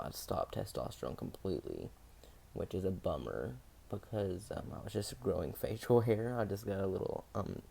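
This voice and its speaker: A young man with a deep, mellow voice shares his story in a personal video diary. He talks hesitantly, pausing often and filling gaps with soft fillers, and his voice has a gravelly edge. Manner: hesitant, many pauses and fillers. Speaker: vlogger.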